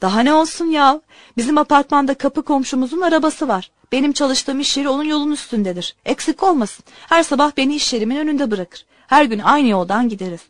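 A woman's voice: high-pitched, brisk, no echo, clean studio sound, lightly acted. A woman voicing an indignant man who rants in outrage about his country, telling a story aloud. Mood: outraged. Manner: outraged, exclaiming.

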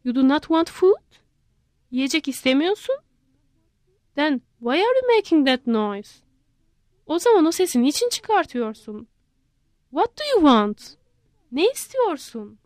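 Woman voicing a prying squeaky monkey man. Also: sing-song, unhurried, long pauses, darkish tone, no room sound, studio quality. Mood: curious. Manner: high, prodding questions. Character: fussy talkative male monkey.

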